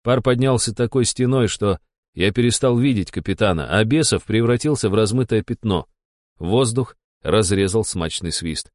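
A man's voice: lowish voice, moderate pace, a little mellow, no echo. Man narrating a wry audiobook, dry sound. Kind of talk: first-person audiobook narration.

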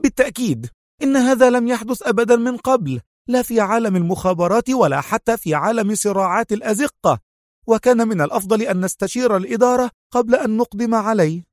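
A man voicing a tense, sharp-tongued young woman agent who speaks in an agitated, indignant way. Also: very high voice, sing-song, normal speed, no room sound, studio quality, pitched above the performer's own voice.

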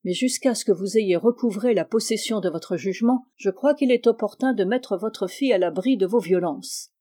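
A woman reading an audiobook, voicing a composed, courteous nobleman who speaks in measured sentences. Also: medium pitch, warm tone, close to an everyday voice. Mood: calm. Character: calm, courteous nobleman suitor.

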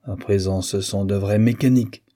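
A man's voice: fairly low pitch, steady tone, normal speed, dark tone, natural voice. A man voicing a hot-tempered older navy admiral in an audiobook, blustering and scolding. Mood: irritated. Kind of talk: audiobook character reading.

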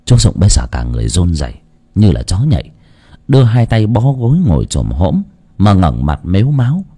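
A man's voice: low voice, wildly swooping pitch, a little fast, dark tone, husky. A man narrating a ghost story dramatically.

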